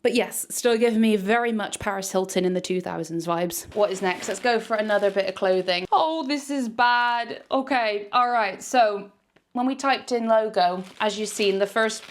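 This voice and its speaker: A young woman with a British accent talks through a try-on haul in a candid, animated way. She drops in quick asides as she goes, and her voice sits at an ordinary middle pitch for a woman. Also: a little hiss or hum. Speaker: fashion vlogger. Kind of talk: chatty try-on haul review.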